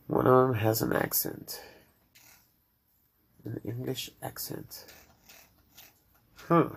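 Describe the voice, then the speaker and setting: In a slow, flat delivery with vocal fry and a husky tone, a medium-pitched man with a Mexican accent rambles through a casual chat on his podcast, talking directly to listeners.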